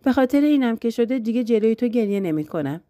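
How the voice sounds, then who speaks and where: Narrator as sulky young wife; begging, stubborn, close dry read. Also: female voice, on the high side, lively intonation, dark tone, no room sound, pitched above the performer's own voice, natural voice. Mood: hurt, stubborn. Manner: pleading, stubborn.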